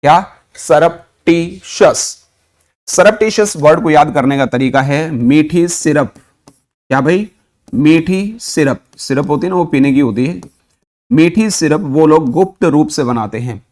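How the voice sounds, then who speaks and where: A man's voice: on the high side, lively intonation, a little slow, a little mellow. An Indian man teaching an online English vocabulary lesson, mixing Hindi and English and asking and answering his own questions.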